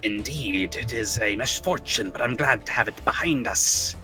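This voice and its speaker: A man's voice: lowish voice, normal speed, sharp tone. A man voicing a huge, stern dragonborn paladin who speaks formally through his teeth with a hissing reptilian voice, with music underneath.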